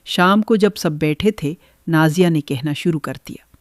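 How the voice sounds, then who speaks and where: An older woman telling her own family story in the first person, in a measured, gentle way. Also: sits low, dry recording, studio quality.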